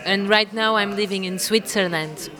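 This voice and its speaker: A woman's voice: mid-range voice, normal speed, pushed and bright. A woman from Portugal, answering interview questions in a hesitant way with many fillers and restarts. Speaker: interviewee, amateur musician. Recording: crowd chatter behind.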